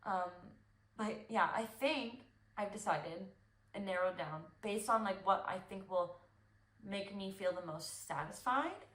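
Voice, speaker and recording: A woman's voice: mid-range voice, unhurried, fairly bright tone, echoey room. A young woman hosting a knitting podcast, chatting casually and rambling with fillers and restarts. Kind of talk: casual chat.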